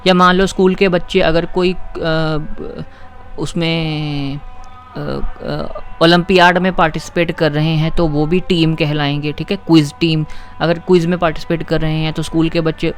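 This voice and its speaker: Patient grammar teacher, slightly high voice. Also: male voice. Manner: patient, asks questions and keeps checking with "ठीक है?"; reads English sentences slowly and deliberately. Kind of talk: explaining grammar exercises.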